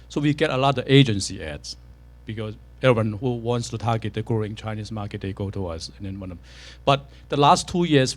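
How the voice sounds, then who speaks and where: A man's voice: mid-range voice, a little mellow. A man from a newspaper asking a panel question, hesitant with many uhs. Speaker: audience questioner, newspaper staff.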